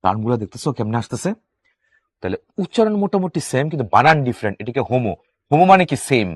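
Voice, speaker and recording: A man teaching English for exams, asking his students quick questions and answering them himself. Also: mid-range voice, big pitch swings, dry recording, studio quality. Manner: reads English sentences slowly, then explains. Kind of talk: exam-prep grammar lesson.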